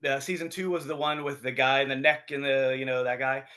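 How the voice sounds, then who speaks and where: A man's voice: mid-range voice, steady tone, brisk, sharp tone. A man being interviewed on a podcast about his comics, easygoing and hedging in casual chat. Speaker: comic book publisher.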